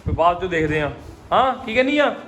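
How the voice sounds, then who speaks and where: A man's voice: sits high, sing-song, fast, fairly bright tone. A man with a Punjabi accent chatting casually and teasingly on a family vlog, often repeating himself. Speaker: family vlogger. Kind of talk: casual home vlog chat. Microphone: phone held by the speaker. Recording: noisy handheld home recording.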